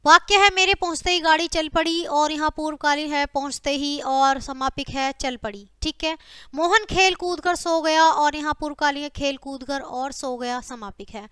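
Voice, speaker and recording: High, bright-voiced woman teaching grammar. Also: no echo, studio quality. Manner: says "ठीक है" often, addresses students as "बच्चा"; reads out example words and sentences one by one. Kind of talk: classroom grammar lesson.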